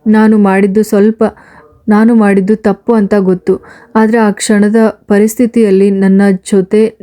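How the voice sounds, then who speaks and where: A remorseful young husband with a quick temper pleads earnestly, as a woman reads him aloud. The voice stays level and even, with a soft, mellow tone. It is an audiobook serial. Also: medium pitch, natural voice. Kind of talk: audiobook character reading.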